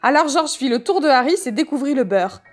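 A woman reading a humorous novel aloud in measured, wry storytelling. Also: high-pitched, animated, soft background music. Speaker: audiobook reader. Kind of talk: scripted narration.

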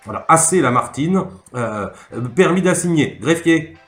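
A man voicing a small, bald country judge who speaks briskly and dismissively. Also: fairly high pitch, animated, fairly bright tone, voice pushed up. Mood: impatient. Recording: echoey room, faint music.

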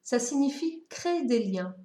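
A woman voicing a patient, wistful fox who explains things calmly and reflectively. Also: on the high side, moderate pace, echoey room, pitched above the performer's own voice, lightly acted.

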